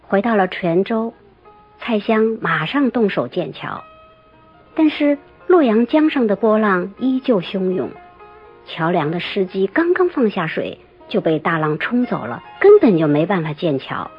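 A woman telling a folktale in scripted narration, expressive and lively. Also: medium pitch, a little slow. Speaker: storyteller. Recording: muffled lo-fi recording, soft music.

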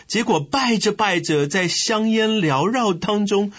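An excitable male messenger tattles to his lord, his voice climbing higher with each detail, as a comic storyteller voices him. The tone is husky and lively. The recording is dull and lo-fi. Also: a little slow, exaggerated voice. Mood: tattling. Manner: animated, tattling, rising excitement.

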